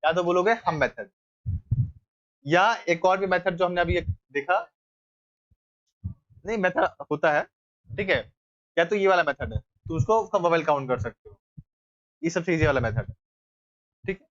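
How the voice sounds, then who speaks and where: A man's voice: on the high side, lively intonation, normal speed, pauses often, fairly bright tone. A young male teacher giving a grammar lesson in a classroom, explaining step by step and often checking with his students. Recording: dull lo-fi recording.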